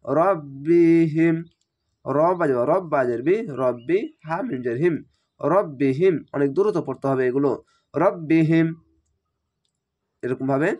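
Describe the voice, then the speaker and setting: A man's voice: medium pitch, fairly quick, darkish tone. A man teaching Quran recitation letter by letter, patiently spelling out sounds and repeating rules, with a slightly strained voice from feeling unwell.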